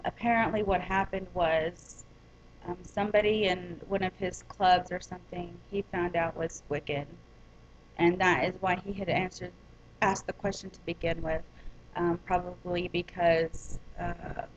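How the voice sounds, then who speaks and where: A woman's voice: lowish voice, lo-fi sound, a little hiss or hum. A woman vlogger telling a personal story in a casual, rambling way, with many ums and restarts.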